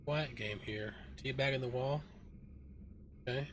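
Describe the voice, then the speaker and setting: A male esports caster talks through a live match in a loose, joking play-by-play. His voice sits at an ordinary middle pitch. Loud game gunfire and clicking pound away behind him. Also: measured pace, background noise.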